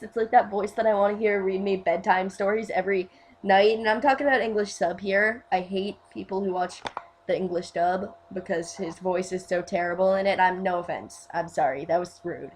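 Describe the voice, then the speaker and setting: A woman in casual fan chat, rambling and gushing, full of fillers, swinging from quiet asides to loud bursts. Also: mid-range voice, normal speed, husky. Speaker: fan vlogger.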